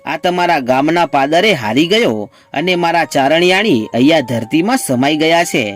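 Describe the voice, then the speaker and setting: A man's voice: on the high side, animated, moderate pace, soft background music. A man voicing a grieving husband, a traveling bard, who speaks in lament.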